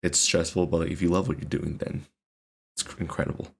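A man's voice: low-pitched, fairly even intonation, a little fast, vocal fry, slightly rough. A man giving casual reaction commentary, rambling with many fillers and casual swearing. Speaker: reaction video host.

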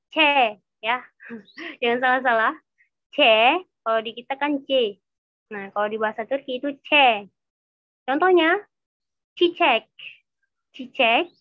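A woman teaching an online Turkish lesson, patiently repeating each sound slowly for her learners. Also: on the high side, no room sound. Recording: dull, slightly lo-fi dry recording.

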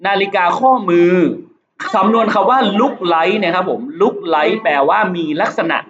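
A male teacher going over exam questions, reading English sentences slowly and explaining them. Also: sits high, expressive, a bit bright. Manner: reads English items slowly, explains in quick Thai. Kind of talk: exam prep lesson. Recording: dull lo-fi recording.

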